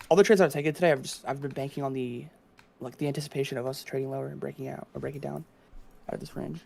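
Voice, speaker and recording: A man's voice: fairly high pitch, vocal fry, slight background noise. A young man giving casual livestream trading commentary, explaining things and repeating himself as he goes. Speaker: live trading streamer.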